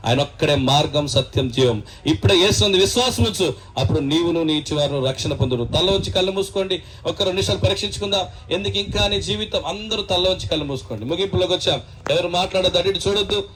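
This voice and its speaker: A man preaching a gospel sermon at a funeral in church, asking rhetorical questions and rising to shouts. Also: high voice, fast talker, a little hiss or hum, poor audio.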